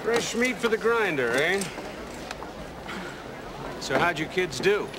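A man playing a gruffly jovial military recruiting officer in a film. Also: high-pitched, lively intonation, takes it slowly. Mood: wry, approving. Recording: film soundtrack with clear background noise.

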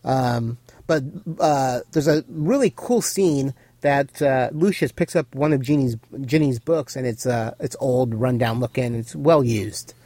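A man with a medium-pitched voice speaks as a co-host in a casual recap. He explains and fills in details, recorded dry and without room sound. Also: a little slow, hardly any pauses, warm tone, no room sound. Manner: explanatory, adds detail and corrections. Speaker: podcast co-host. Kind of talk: casual chat recapping a film.

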